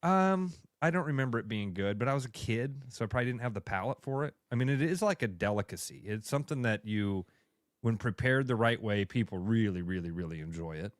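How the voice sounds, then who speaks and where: A man with a fairly low voice and lively intonation speaks a little fast, with no echo. He co-hosts a radio show, joking around and telling stories in casual studio chat.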